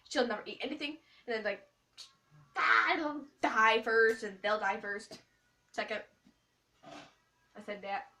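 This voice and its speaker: A young, school-age girl hosts a casual, rambling vlog to camera, playful, silly, and scattered. Her voice is fairly high, bright, and forceful. The mic is distant, and the recording is noisy with clicks.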